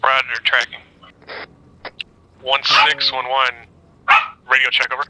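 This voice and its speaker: A man's voice: mid-range voice, completely flat delivery, a little slow. A man calling over a radio with static bursts, leading his team with clipped radio procedure and casual slips in between. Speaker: team leader on squad radio. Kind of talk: military radio procedure in a game.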